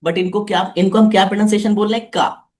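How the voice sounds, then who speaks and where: A man's voice: sits high, fairly even intonation, quick pace. Coaxing man teaching kids. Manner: coaxing, repeats questions to pupils. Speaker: online teacher. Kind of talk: live online class for children.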